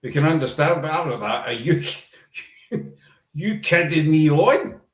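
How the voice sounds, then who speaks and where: A Scottish man with a Glaswegian accent hosts a laid-back podcast chat in an echoey room, voice fairly high and pace measured. He wanders through rambling anecdotes, dropping many fillers along the way.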